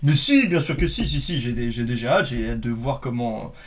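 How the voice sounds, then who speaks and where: A man takes part in a casual film chat. His pitch is middling. He speaks with a dry, mock-grumpy edge. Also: expressive, moderate pace. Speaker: podcast guest.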